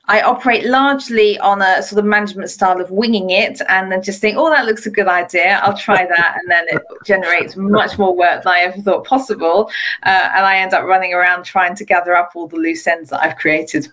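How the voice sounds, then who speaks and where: A woman's voice: medium pitch, fairly even intonation, moderate pace, fairly bright tone, poor audio. A middle-aged British woman talking conversationally as an interview guest, a health professional describing her work. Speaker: guest, pelvic health physiotherapist.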